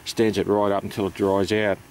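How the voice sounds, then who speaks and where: An Australian man talks through practical details in a low voice with very little melody. He is unscripted and hesitant, explaining things in a plain, matter-of-fact way. There is some noise behind him. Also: little pitch movement, brisk, darkish tone. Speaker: amateur radio operator presenting. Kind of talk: informal explanatory vlog.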